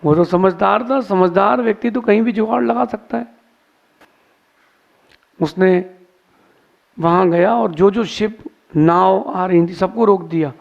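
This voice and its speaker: A monk delivers a sermon, telling stories and drawing morals from them in a folksy way. His voice sits high for a man and has a gravelly edge. The recording sounds slightly dull and lo-fi. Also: a little slow, long pauses. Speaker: Jain monk preacher. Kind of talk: sermon with storytelling.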